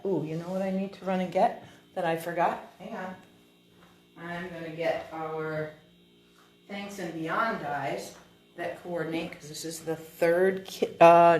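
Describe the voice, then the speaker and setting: A woman hosting a card-making tutorial, chatting casually through an unboxing and thinking aloud with frequent ums. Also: low voice.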